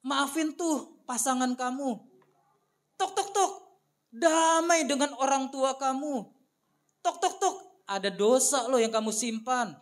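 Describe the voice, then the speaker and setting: A man's voice: very high voice, unhurried, pauses often, voice pushed up. A man acting out Jesus knocking at a door and coaxing people to repent, in a playful sing-song way.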